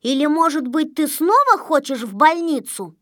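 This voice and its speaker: A woman's voice: sits high, very animated, moderate pace, fairly bright tone, no echo, studio quality. A woman reading a storybook aloud, voicing a boastful, bossy little boy who blusters and turns defensive.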